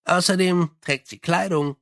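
A man putting on a scruffy little corporal for an audiobook, chattering on with cheerful, unbothered eagerness. The voice sits fairly high and bounces upward when he gets keen. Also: fairly even intonation, unhurried, fairly bright tone, dry recording, clean studio sound. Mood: chatty. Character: scruffy small male corporal, chatty and cheeky.

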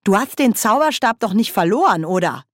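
A woman reading an audiobook, voicing a cheeky, boozy old witch woman with a loud, high, cackling voice. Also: big pitch swings, fairly quick, dry recording, studio quality. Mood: merry. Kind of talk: audiobook character voice.

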